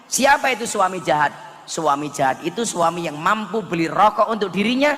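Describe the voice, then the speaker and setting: A male preacher giving a humorous wedding sermon, animated and joking, at a large gathering. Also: high voice, normal speed. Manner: joking, animated, slips into Javanese dialect and sung verses. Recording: echoey hall with faint ambience.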